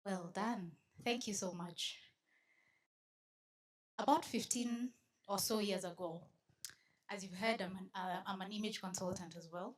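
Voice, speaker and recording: A Kenyan woman tells a story on stage at a conference in an average voice, neither high nor low. She switches between English and Swahili and teases her listeners as she goes. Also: a little slow, pauses often. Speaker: conference speaker. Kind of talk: storytelling talk to a live audience. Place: conference venue.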